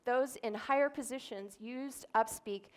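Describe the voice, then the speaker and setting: A woman's voice: fairly high pitch, a little slow. A woman, a speech therapist, giving an explanatory talk on stage and demonstrating voice sounds. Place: event stage before an audience.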